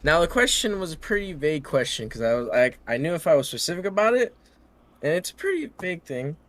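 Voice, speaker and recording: A young man co-hosting a podcast, telling a personal story in a halting, casual way. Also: on the high side, sing-song. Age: young adult. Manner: halting, anecdotal. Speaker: podcast co-host.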